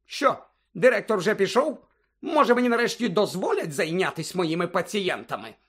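Male reader playing a cross woman nurse, shrill, indignant, husky. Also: big pitch swings, moderate pace, fairly bright tone, full character voice. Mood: irritated. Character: grumpy middle-aged school nurse, woman.

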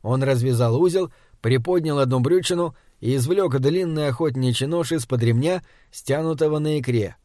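A man narrates an audiobook in the first person, with a steady, measured delivery. His voice sits at an ordinary pitch for a man, and the recording is dry and close, with no room sound. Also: dry recording.

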